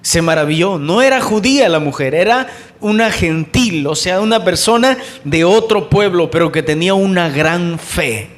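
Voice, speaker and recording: A man preaching a sermon, fervent, calling his listeners brothers and asking rhetorical questions, racing through some phrases and slowing right down on others. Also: high-pitched. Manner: shifts between quick bursts and slow emphatic phrases.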